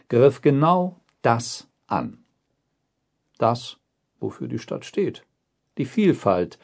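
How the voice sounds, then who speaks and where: Slow, husky German documentary narrator. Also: male voice, mid-range voice, darkish tone. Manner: measured, deliberate reporting tone. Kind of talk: scripted documentary voice-over.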